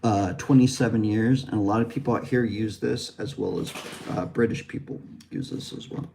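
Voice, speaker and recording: A man's voice: on the low side, normal speed, creaky, warm tone, slight background noise. An American man from the West Coast teaching English vowel sounds, explaining patiently and modeling each sound. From West Coast of the United States. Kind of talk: explanatory lesson with demonstrations.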